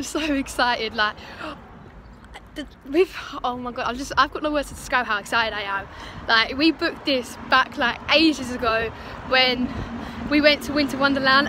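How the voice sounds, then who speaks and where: A woman with a British accent vlogging to camera in a gushing, excitable way, repeating words for emphasis. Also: high-pitched. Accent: British English. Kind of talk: casual vlog to camera. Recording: noisy handheld vlog audio.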